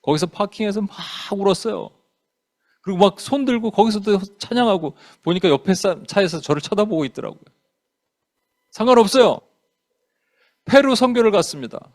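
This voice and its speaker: A male pastor preaching a sermon to his congregation, animated and expressive, acting out prayers and quotes and mixing in English phrases. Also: sits high, brisk, pauses often. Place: church sanctuary.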